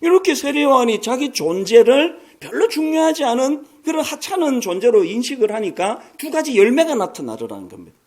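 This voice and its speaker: A man in his sixties preaches a sermon in a strikingly high voice. His pitch swings widely as he tells stories and drops in humorous asides. He sounds lively and conversational from the pulpit. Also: brisk, few pauses. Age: 60s. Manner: animated, storytelling with humorous asides. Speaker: pastor.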